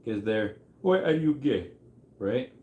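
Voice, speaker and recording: Narrow, tinny audio in an echoey room carries this man's animated, medium-pitched voice at a slow pace. In his mid-thirties, he hosts a trivia livestream, rambling casually and reacting to chat.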